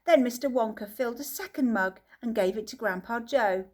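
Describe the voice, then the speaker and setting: A woman narrating a children's book as an audiobook reader, telling the story in a lively way. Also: on the high side, brisk.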